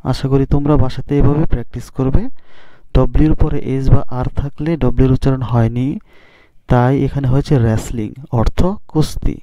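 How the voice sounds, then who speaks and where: A man's voice: medium pitch, steady tone, mellow, no room sound. A man teaching an English reading lesson to students. He spells words letter by letter and keeps asking the class how to say them. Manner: spells out letters slowly and asks students questions. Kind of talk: classroom lesson on phonics rules. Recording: dry, dull lo-fi sound.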